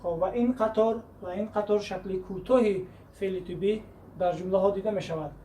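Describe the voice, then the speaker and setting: A teacher giving a beginner language lesson. The teacher rushes through explanations and then says model sentences slowly and carefully. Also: medium pitch, fairly even intonation, mellow. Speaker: English teacher. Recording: roomy echo, voice from a distance.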